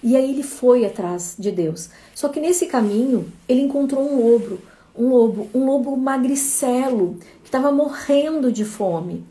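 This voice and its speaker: A woman's voice: high voice, lively intonation, unhurried, dark tone. A woman, a motivational speaker telling a parable in a conversational way. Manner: conversational, addresses listeners as "gente".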